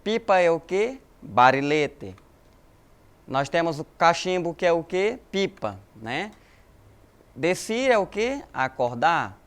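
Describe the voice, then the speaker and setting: This Brazilian Spanish teacher talks slowly in a fairly high, fairly bright voice with big pitch swings during a recorded language lesson. He explains patiently, calls his students "galerinha," and uses frequent "né" tags to check in with them.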